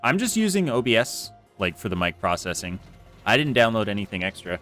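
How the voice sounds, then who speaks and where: A fairly low, sing-song voice with a fairly bright tone comes through at a fairly quick clip, faint music in the background. The man rambles through casual game-stream chat with lots of fillers and self-deprecation. He uses a close foam-screened desk mic in a home room with an air conditioner.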